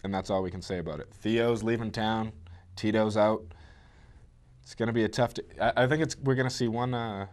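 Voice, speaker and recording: A man's voice: fairly low pitch, fairly quick. Laid-back man talking sports. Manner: relaxed, rambling with restarts. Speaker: sports talk co-host. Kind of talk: casual sports chat.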